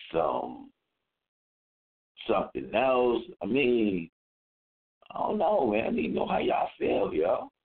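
A man hosts a radio show in a loose, casual chat, dropping slang as he talks. His voice is extremely low. The sound is narrow and thin, like a phone line. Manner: laid-back, slangy, often adds "man" and "yo".

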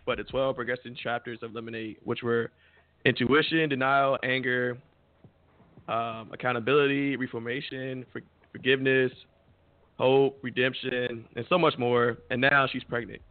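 A man's voice: mid-range voice, steady tone, moderate pace, no room sound. A man co-hosts a podcast in a laid-back, slangy way, a little sick and losing his voice. The sound is dry and narrow, like it came over a phone. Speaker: podcast co-host. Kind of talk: casual chat.

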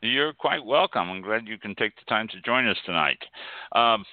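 A man's voice: on the low side, lively intonation, moderate pace, dry recording. A man hosting a live radio wine show, chatting casually and laughing now and then. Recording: phone-line sound.

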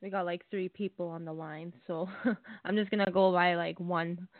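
A woman co-hosts a casual radio show in a light, amused, chatty way. Her voice sits a little low and comes through thin and tinny, with a dry sound. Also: fairly even intonation, normal speed, no room sound. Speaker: radio co-host. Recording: tinny lo-fi line.

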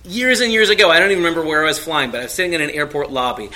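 A man's voice: fairly high pitch, rapid-fire, sharp tone. A man in a conversational theological discussion, talking discursively and rephrasing as he goes. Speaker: podcast panelist.

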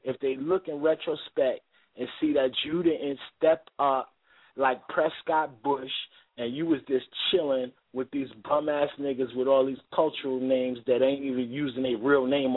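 A man's voice: medium pitch, steady tone, moderate pace, slightly rough, no echo. A man in his thirties, a guest on a radio show, talking boastfully in profane street slang. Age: 30s. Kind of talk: casual radio talk. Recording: phone-line call-in audio.

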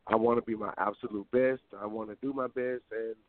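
A man's voice: fairly low pitch, fairly even intonation, a little fast, dry recording. Southern man on a tinny phone-like line. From Georgia, US South. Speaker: interview guest, boxer and former dancer. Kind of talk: casual interview chat. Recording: tinny, dry phone-like radio sound.

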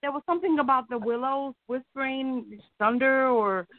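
A woman's voice: high-pitched, normal speed, no echo. A woman calling into a radio show over a phone line, cheerful and giggly. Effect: call-in voice over a phone line.

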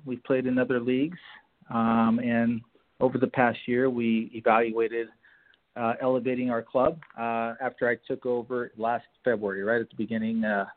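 A man who owns a soccer club, a guest explaining things in casual chat and often restarting his sentences. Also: mid-range voice. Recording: tinny phone line.

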